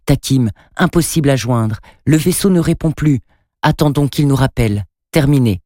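A man's voice: mid-range voice, moderate pace, a little mellow, dry recording, clean studio sound, natural voice. A man doing an earnest young boy. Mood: hesitant. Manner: hesitant reading aloud.

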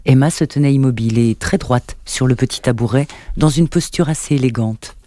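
A man narrating a novel in an even, measured storytelling manner. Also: medium pitch. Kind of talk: scripted audiobook narration.

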